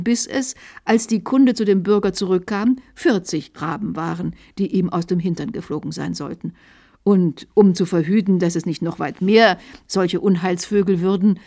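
A woman narrating a historical tale for radio in a measured, expressive reading style. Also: on the low side. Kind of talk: scripted literary reading for radio.

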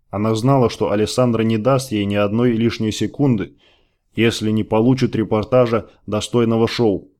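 Mellow male audiobook narrator. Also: medium pitch. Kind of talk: scripted narration.

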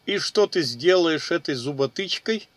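A man's voice: fairly high pitch, animated, moderate pace, no room sound, lightly acted. A man voicing a cool, mocking male battle mage who commands the group. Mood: casual. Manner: dry, mocking.

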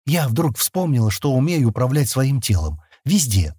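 A man reading an audiobook, voicing a calm, insistent alien woman who presses with questions. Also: medium pitch, normal speed, slightly rough, no room sound, studio quality. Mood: grateful. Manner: persistent, probing questions. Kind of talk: audiobook character voice.

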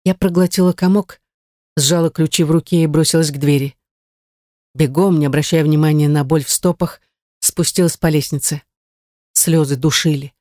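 A woman's voice: deep voice, fairly even intonation, normal speed, a little mellow, dry recording. Brief: woman, first-person audiobook narrator, emotional and intense, dry studio sound.

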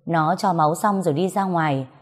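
A woman's voice: on the low side, a little fast. A woman reading a story aloud as scripted narration, voicing all the dialogue in her own voice.

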